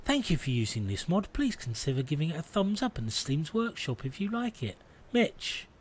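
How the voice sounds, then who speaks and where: A man in his forties talks through a strategy game on stream at a middling pitch, rambling and mocking his own play. He reads the game's prompts aloud as he goes. Faint music plays underneath. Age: 40s. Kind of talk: casual gameplay commentary. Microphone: phone camera.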